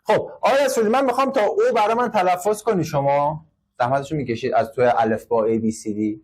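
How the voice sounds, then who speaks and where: A man's voice: a little high, husky. Man teaching an English class. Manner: explains patiently, repeats words, quizzes the class. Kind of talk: classroom lesson.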